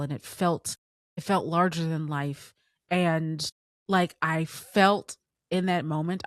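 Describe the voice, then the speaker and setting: A woman's voice: low voice, fairly bright tone, no echo, clean studio sound. A woman co-hosting a podcast, talking about films in an enthusiastic, emotional way with lots of fillers. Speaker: podcast co-host. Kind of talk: casual film discussion.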